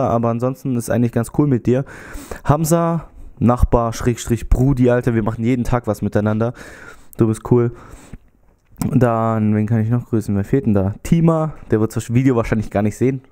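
Holding a handheld mic close in a small bedroom with a TV and gaming setup, a young adult YouTuber with a slight cold chats casually for his vlog. His medium-pitched voice has a dark tone, and he rambles with many fillers, gesturing as he talks.

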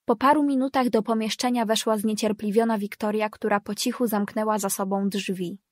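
A woman reading a novel as a first-person audiobook narrator, measured and even. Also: mid-range voice, dry recording, studio quality.

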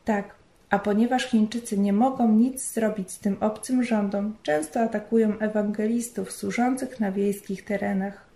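A woman reading the lines of a weary young missionary wife in a storybook reading, in a subdued, soft manner. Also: medium pitch, steady tone, normal speed, lightly acted. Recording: roomy echo.

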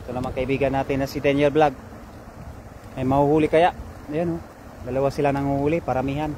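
A man live-streaming a fishing trip from a riverbank on a phone, chatting and giving shoutouts to viewers. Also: medium pitch, level tone, quick pace, noisy background. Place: riverbank outdoors.

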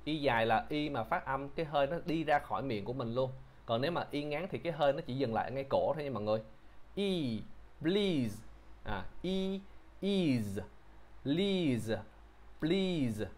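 A man's voice: mid-range voice, lively intonation. Patient male pronunciation teacher. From Vietnam. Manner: patient, repeats words slowly and explains mouth positions. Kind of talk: pronunciation lesson.

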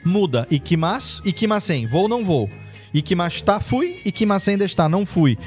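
A man's voice: high voice, very animated, brisk, faint music behind. A man on a casual podcast, eagerly explaining and sounding out foreign words. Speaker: podcast guest.

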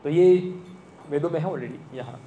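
A man's voice: a little high, measured pace, warm tone, a little hiss or hum. A man giving a conversational lecture and asking the audience questions. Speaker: speaker giving a talk. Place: temple hall. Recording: echoey room with faint ambience.

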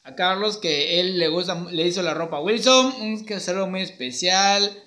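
A male schoolteacher jokes around with a puppet, sending greetings to his students and laughing easily in this casual chat. His voice is high and bright with a forceful tone, moving at a moderate pace.

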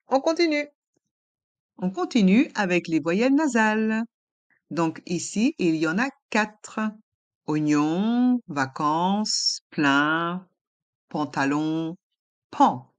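A woman's voice: on the low side, a little mellow. A woman teaching French pronunciation, sounding out vowels and words one by one and repeating them for learners. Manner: switches between French and English explanations. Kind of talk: slow, careful pronunciation lesson.

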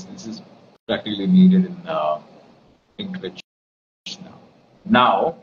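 A man's voice: medium pitch, darkish tone. A man in his twenties with an Indian accent hosts a casual live stream, rambling and switching between English and Hindi. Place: indoors, plain-walled room. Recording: dull lo-fi stream with clear noise.

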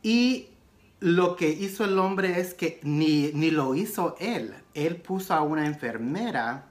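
An animated man tells a personal story in a casual beauty vlog while he does his makeup. His pitch jumps around as he talks. He slips English phrases into his speech. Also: slow. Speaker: beauty vlogger.

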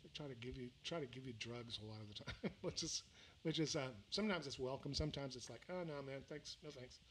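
Slight background noise surrounds this older male musician as he chats fast between songs on a livestream, his mid-range voice rambling and relaxed with fillers and restarts. Mississippi-born and Louisiana-raised, he's in a small indoor music venue speaking into a stand-mounted vocal mic.

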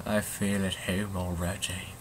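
A man's voice: deep voice, flat delivery, unhurried, a little hiss or hum. A man reading as a flirty mercenary heroine. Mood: teasing. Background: game music.

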